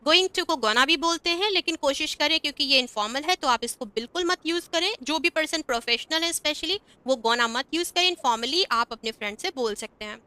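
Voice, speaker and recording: A young Indian woman teaching English online, saying example sentences slowly and carefully between quicker explanations. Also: sits high, expressive, sharp tone, dry recording.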